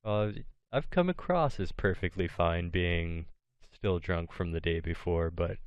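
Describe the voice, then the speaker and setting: A young man with a very low, smooth and resonant voice, chatting casually on a podcast. He tells rowdy stories with dry jokes and plenty of swearing, and the sound is close and dry. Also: a little slow, no room sound, lo-fi sound. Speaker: podcast co-host. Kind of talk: casual chat.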